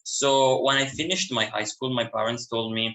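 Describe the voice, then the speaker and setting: Brief: young Italian man, student guest, accented English, bright tone, hesitant delivery. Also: medium pitch, fairly even intonation, normal speed, reverberant, poor audio. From Italy. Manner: hesitant, many fillers and restarts. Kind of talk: casual interview talk.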